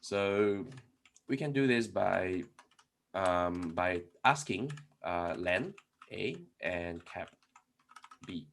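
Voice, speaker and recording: With a deep voice, lively intonation, and vocal fry, a conference speaker draws out words and pauses often as he live-codes through a programming talk. He explains step by step, restarting frequently and posing rhetorical questions, and is not a native Polish speaker. There is slight background noise.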